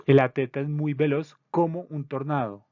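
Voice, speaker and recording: A man giving a didactic talk on poetry, reading out definitions and examples in a measured way and breaking some words into syllables. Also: fairly high pitch, steady tone, no room sound, phone-quality sound. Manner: measured and didactic, spelling out syllables, with occasional slips and restarts. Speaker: presenter of a literary discussion circle.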